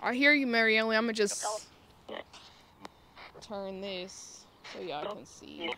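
A woman's voice: mid-range voice, expressive, slow pace, background noise. A woman chatting informally to viewers as a paranormal vlogger, rambling and talking aloud to herself. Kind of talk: casual chat to viewers. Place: outdoors in a cemetery.

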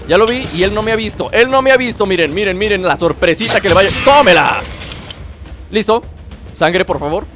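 A high-pitched young man, narrating his game and taunting enemies with playful shouts. Loud game music runs under his voice. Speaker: gameplay commentator. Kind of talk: casual gameplay commentary.

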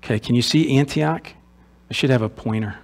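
Male pastor, sermon, conversational, rhetorical questions, mid-pitched voice, church sanctuary. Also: brisk. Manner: conversational, asks rhetorical questions, repeats words.

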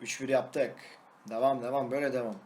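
A young man, a gaming YouTuber, giving excitable live commentary on his own match, shouting and singing at goals and teasing his opponent. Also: medium pitch, fairly quick, slight background noise.

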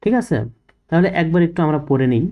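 A man's voice: fairly high pitch, lively intonation, fast talker, narrow, tinny audio. A man teaching a first-grade reading lesson, patiently asking questions and answering them himself.

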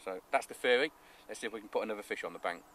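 A man in his thirties, an angling coach, explaining his rig and bait step by step in a relaxed, practical way, recorded outdoors by a lake. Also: on the low side, racing, a little hiss or hum. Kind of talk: instructional fishing talk. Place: outdoors at a lakeside fishery.

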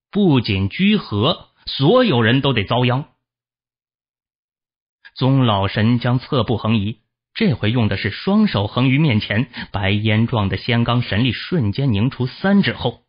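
A man narrating a fantasy novel as an audiobook, with expressive storytelling, in a dull lo-fi recording. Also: mid-range voice, husky.

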